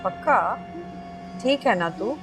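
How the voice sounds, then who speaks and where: An actress in a TV serial plays a proud young woman, her slightly high voice expressive and slow. She speaks firmly and defiantly over a background music score.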